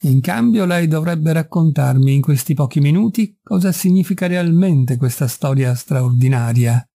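A man voicing a calm, brisk detective who speaks in clipped, firm sentences in an audiobook reading. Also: a little high, gravelly. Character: calm, brisk male detective, middle-aged.

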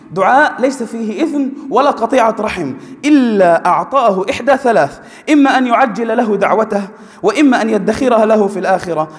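A man preaching a Friday sermon in a mosque, fervent and building to emphatic, near-shouted exhortations. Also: sits high. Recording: long hall reverb.

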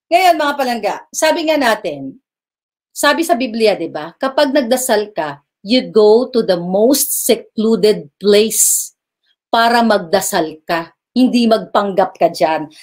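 A woman hosting a live stream, mocking and heated, swinging between loud outbursts and low asides. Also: expressive, takes it slowly. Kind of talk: combative live-stream rant.

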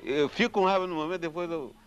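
A man's voice: a little high, fast talker, clear, resonant tone. A man with a Brazilian Portuguese accent, a samba composer, telling a story casually and acting out the people in it. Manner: animated, acts out the people in his story. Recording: dull lo-fi recording with faint guitar.

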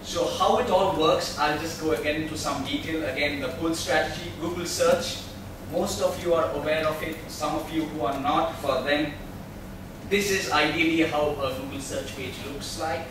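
At a tech meetup, a man gives a presentation from a podium in a large, echoing meeting room, explaining things and asking the audience questions. His voice is a little high, with fairly even intonation at normal speed. A far-off camera mic captures noisy, reverberant sound.

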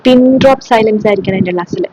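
A woman's voice: medium pitch, racing, mellow, slight background noise, natural voice, low-quality recording. A woman playing a strict schoolteacher who lectures and scolds her class sarcastically. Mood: stern. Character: strict scolding female schoolteacher, middle-aged. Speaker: comedy sketch creator. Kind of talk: solo comedy sketch.

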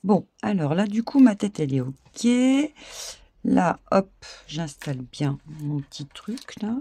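A woman's voice: lowish voice, expressive, measured pace, dark tone, slightly rough, no echo. A middle-aged woman hosting a casual craft tutorial, chatting with viewers as she works. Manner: chatty, laughs often, addresses viewers directly.

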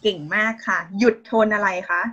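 A woman's voice: medium pitch, fairly even intonation, normal speed, bright, forceful tone, lo-fi sound. A woman with a Thai accent teaching a language class over a video call, patient and encouraging with constant praise and polite particles. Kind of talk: online Thai lesson, mixing Thai and English.

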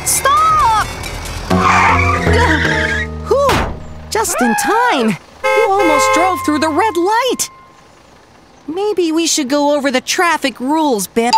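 Kids' cartoon: an upbeat panda teacher, slow and animated, asks viewers questions, music under. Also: male voice, very high voice, full character voice. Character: kindly panda doctor teacher, patient and upbeat. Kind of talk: children's cartoon narration. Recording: voice over loud background music.

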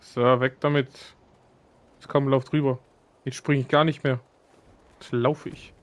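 A man's voice: mid-range voice, flat delivery, measured pace. A man giving casual gaming commentary, grumbling and talking to himself. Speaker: let's player.

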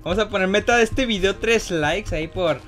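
A young man talks through a game in loose, chatty commentary, swearing freely. His voice sits a little high for a man. Faint music and keyboard clicks run under him. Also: brisk, fairly bright tone. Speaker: gaming YouTuber host. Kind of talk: casual gaming commentary.

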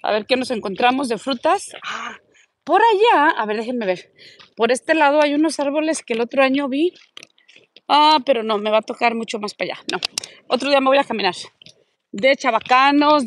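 A woman chatting casually into her phone while she walks outdoors, and she coos in a high voice at the dogs she passes. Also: a little hiss or hum. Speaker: vlogger. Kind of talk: casual walking vlog. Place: outdoors on a neighborhood street. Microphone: phone held while walking.

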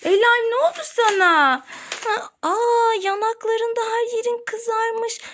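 A woman's voice: very high-pitched, slow pace, a bit bright. A young adult woman in a pretend play with her daughter, talking to her and the dolls in a soothing, coaxing, sing-song way. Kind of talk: playful pretend play for a children's video.

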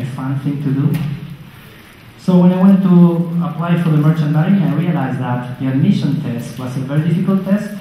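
A man's voice: a little high, slight background noise. A man in his forties from Argentina with an Argentine Spanish accent, giving a friendly talk with a handheld mic in a large lecture hall. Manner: friendly, joking with the audience. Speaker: guest speaker. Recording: very echoey hall, dull sound.

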